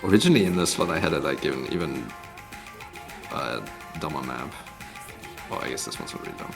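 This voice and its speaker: A man's voice: a bass voice, lively intonation, fairly quick, creaky. A man giving casual, laid-back, slangy live commentary as host of a gaming showcase, his voice echoing as if in a cave in an empty meeting room. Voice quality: cave-like echo on the voice. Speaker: host of a tournament mappool showcase. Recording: echoey empty room, music behind.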